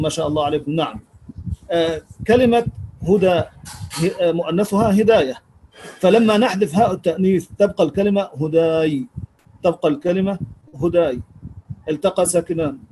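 A man's voice: sits high, mellow, a little hiss or hum, poor audio. A man teaching a live lesson on Quranic grammar, patiently repeating key words and thanking listeners as he answers their comments.

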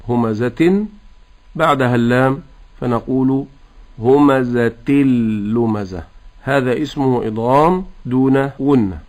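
A man teaching Quran recitation, explaining pronunciation rules patiently and chanting the verses in a slow, drawn-out melodic style. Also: mid-range voice, a little mellow. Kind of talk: tajweed lesson with recitation.

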